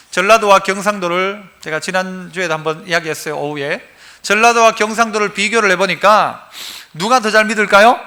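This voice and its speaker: Pastor, male, very high tense voice, folksy call-and-response preacher in a church. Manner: lively, quizzes the congregation and prompts responses; folksy and humorous. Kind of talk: sermon. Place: church sanctuary, live service.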